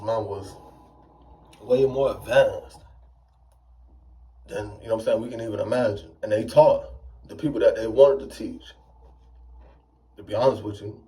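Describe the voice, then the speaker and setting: Man preaching casually, mellow and distant. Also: mid-range voice. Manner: conversational preaching, repeats "you see what I'm saying". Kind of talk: informal sermon.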